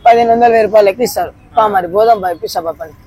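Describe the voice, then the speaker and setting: A man's voice: high-pitched, very fast, darkish tone, breathy edge, poor audio. A young man with a Telangana Telugu accent pulling a prank, pushy and insistent, repeating himself. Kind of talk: prank conversation.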